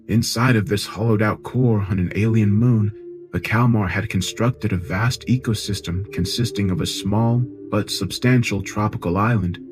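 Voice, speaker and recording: A man narrating a science fiction horror story in a measured, grave tone, with music behind. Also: on the low side.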